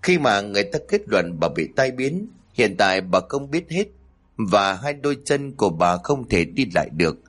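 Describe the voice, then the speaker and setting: Husky man narrating. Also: on the low side, normal speed. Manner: steady, plain reading. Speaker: storyteller. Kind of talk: storybook narration.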